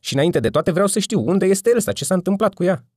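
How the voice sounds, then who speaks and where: A man's voice: high voice, lively intonation, a little mellow, no room sound, studio quality, voice pushed up. A man voicing a flustered, bewildered middle-aged man who pleads in formal, anxious speech. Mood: agitated.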